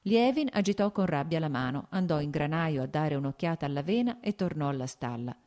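Low-voiced woman reading a novel aloud. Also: expressive, brisk, dark tone. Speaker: audiobook narrator. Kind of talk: scripted literary narration.

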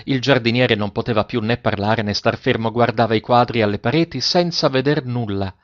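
A man narrates a classic tale in a steady, even storytelling voice of middle pitch. The recording is slightly muffled and lo-fi. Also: a little fast. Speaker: audiobook narrator. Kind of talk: scripted narration.

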